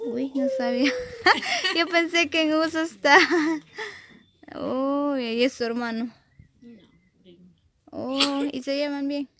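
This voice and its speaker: A woman's voice: high voice, animated, takes it slowly, long pauses, crowd noise. A woman with a Guatemalan Spanish accent chatting casually as she vlogs and asks questions outdoors on a handheld phone. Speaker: vlogger. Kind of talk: casual vlog chat and informal interviewing. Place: outdoors in a rural hillside yard. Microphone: handheld phone behind the camera. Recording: noisy outdoor phone recording.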